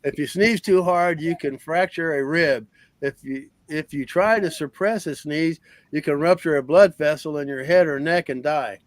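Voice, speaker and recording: Man in a live chat, kinda high voice, jokey, reads out fun facts, dry sound. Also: normal speed, dry recording. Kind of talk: casual group chat.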